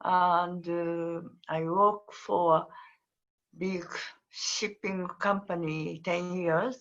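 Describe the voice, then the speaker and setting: An older woman with a Japanese accent answers as a guest over a video call, her voice a little low. She speaks very slowly and haltingly, pausing often. The sound is dull and lo-fi. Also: fairly even intonation. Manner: halting, hesitant, with many pauses. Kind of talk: casual interview.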